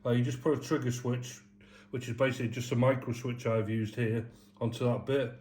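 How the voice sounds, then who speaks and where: Presenting his restoration of vintage arcade machines, an Englishman demonstrates the work by hand and talks it through casually and plainly. His voice is medium in pitch, steady and darkish, a little fast, and the distant, roomy mic lets background noise come through clearly.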